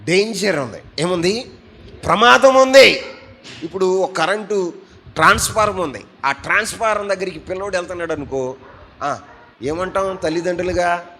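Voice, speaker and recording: A man preaching a sermon as pastor, fervent, asking the congregation questions and swinging between loud and soft. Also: high voice, a little fast, a little hiss or hum.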